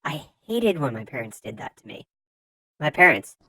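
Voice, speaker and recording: A narrator reading forum posts aloud in scripted narration, with lively swings in pitch and loudness. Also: normal speed, gravelly, no echo, low-quality recording.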